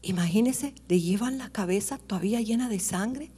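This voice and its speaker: A middle-aged woman preaching a sermon, swinging between loud, high exclamations and hushed whispers as she tells stories. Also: normal speed, slightly rough.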